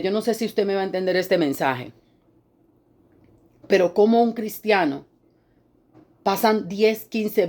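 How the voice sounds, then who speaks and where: A woman preacher giving an animated sermon, acting out quoted people in high mocking voices.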